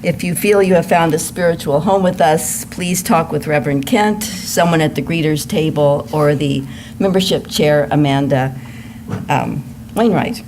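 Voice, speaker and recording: Formal and measured, the worship associate greets the congregation and shares announcements in a low, slightly mellow voice. She's a woman at a church service, heard in a noisy live room recording.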